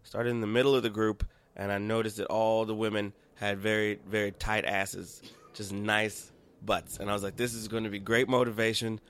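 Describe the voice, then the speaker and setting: A man's voice: fairly low pitch, little pitch movement, moderate pace, hardly any pauses, fairly bright tone, smooth. A man as a podcast guest, telling crude, self-mocking stories in casual chat.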